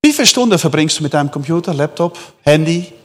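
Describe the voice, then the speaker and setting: A man preaching a sermon to a congregation, animated, swinging between loud emphatic lines and soft near-whispers. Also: a little high, quick pace.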